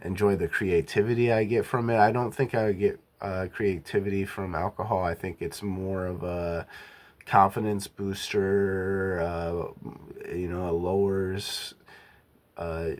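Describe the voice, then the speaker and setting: A young man with a notably low voice speaks in a relaxed personal monologue. He thinks out loud, stops, restarts and corrects himself mid-sentence, as if working out his views as he goes. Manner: halting, self-correcting, musing aloud. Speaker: vlogger. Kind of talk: casual reflective monologue.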